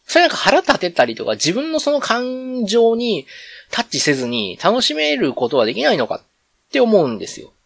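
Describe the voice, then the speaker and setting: Solo podcast host, a man with a Kansai accent, rambling, very lively intonation, dry close sound. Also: sits high, moderate pace, creaky, breathy edge, no echo. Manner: rambling, conversational, self-correcting. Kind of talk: casual solo radio chat.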